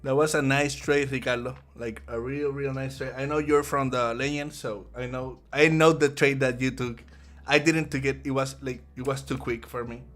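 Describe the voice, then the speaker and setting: A man's voice: mid-range voice, fairly even intonation, normal speed, fairly bright tone. A man from Puerto Rico with a Puerto Rican accent, giving casual live trading commentary and often repeating words as he thinks aloud. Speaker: trader hosting a live trading stream.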